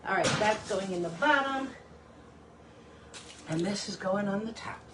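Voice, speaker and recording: On a phone livestream from her home kitchen, a woman hosts a casual cooking stream, chatting with viewers she calls "y'all" while sounding a bit hot and out of breath. Her voice sits at medium pitch, animated yet measured in pace, with noise in the background.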